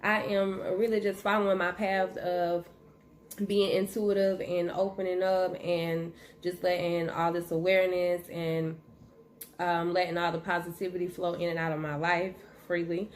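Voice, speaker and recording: A woman hosting her own channel, chatting casually with viewers while chewing gum, with a relaxed, friendly manner. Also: on the low side, moderate pace. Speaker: channel host. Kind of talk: casual vlog chat. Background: faint noise of her dog moving around.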